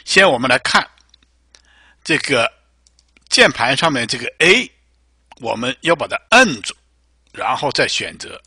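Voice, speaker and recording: A man gives a patient, step-by-step software tutorial with a pitch that moves a lot. His voice is bright, with a slight husk. The sound is dry and close, with mouse clicks behind it. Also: husky, no room sound. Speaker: music software teacher. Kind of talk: screen-recorded software tutorial.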